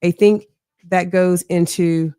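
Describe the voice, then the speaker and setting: Speaking as an interview guest, a middle-aged woman seeking the mayor's office uses a fairly low, mellow, clean-toned voice with fairly even intonation. Her strong voice stays earnest, reflective, and measured, frequently tagged with "right?", in studio quality with no room sound.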